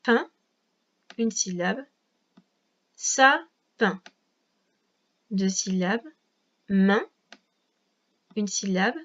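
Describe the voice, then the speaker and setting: A woman's voice: medium pitch, very slow, pauses often, dull audio. A woman teacher guiding a young child through a reading lesson at a patient, carefully articulated pace. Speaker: first-grade teacher.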